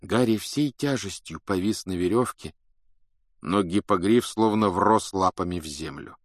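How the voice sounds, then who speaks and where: Low-voiced man narrating an audiobook. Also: unhurried, dry recording, clean studio sound.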